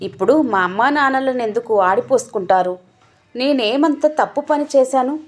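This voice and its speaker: A woman's voice: high voice, lively intonation, normal speed, pitched above the performer's own voice. A woman voicing a timid, hurt young wife who pleads hesitantly.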